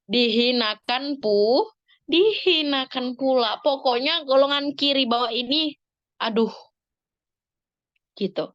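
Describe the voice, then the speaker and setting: Slow-talking woman giving a religious lesson. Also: dry recording, highs cut off. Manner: lively, dramatic shifts in pitch, acts out examples. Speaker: Islamic study speaker. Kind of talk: religious talk to parents.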